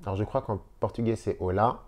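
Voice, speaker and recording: This Spanish teacher records a casual lesson from a hotel room, going slowly and saying words more than once. He has a rather low voice with a somewhat dark tone.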